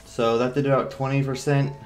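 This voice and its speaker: A man doing casual, halting game commentary in a low-key, rambling way, his speech slightly impeded by a sore, swollen mouth. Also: little pitch movement. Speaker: gamer commentating an online battle. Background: game music.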